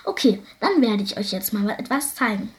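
A woman's voice: on the high side, very animated, normal speed. A woman doing a defiant little girl. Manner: defiant, snapping. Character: stubborn proud young girl.

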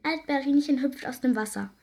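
A woman reading a children's story aloud in a gentle, lively way. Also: high voice, normal speed, gravelly.

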